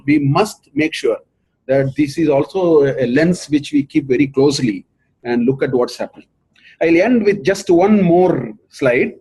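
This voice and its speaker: A middle-aged Indian man, a professor giving a research talk, lectures earnestly and repeats his points for emphasis. English isn't his first language, and he speaks with an Indian English accent. His voice is fairly high, slightly mellow and husky, and the audio quality is poor.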